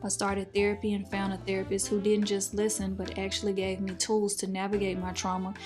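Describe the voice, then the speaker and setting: A young woman vlogs in a chatty, expressive way. Her pitch sits in the middle for a woman. Faint background music plays under her voice. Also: fairly quick. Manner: calm, reflective sponsor read. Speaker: vlogger. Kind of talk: casual vlog talk.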